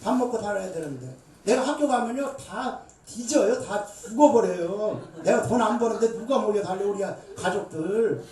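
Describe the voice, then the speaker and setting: A woman's voice: medium pitch, moderate pace, few pauses. Emphatic woman preaching in an echoey hall. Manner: emphatic, animated, with bursts of shouting and laughter. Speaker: seminary dean lecturing. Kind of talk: preaching Bible lecture. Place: lecture hall with audience. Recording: echoey room, voice far from mic.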